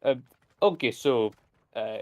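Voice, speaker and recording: A man's voice: medium pitch, lively intonation, slow pace, no echo. A man putting on a blunt Soviet engineer. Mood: deadpan boastful. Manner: clipped, matter-of-fact broken English. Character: boastful male Soviet aircraft engineer, blunt.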